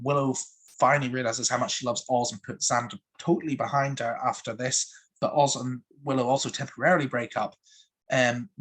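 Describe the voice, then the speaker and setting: A man giving a casual, enthusiastic review of TV episodes, eager and full of fillers. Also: medium pitch. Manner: excitable, fond of "so much fun"; frequent fillers and restarts.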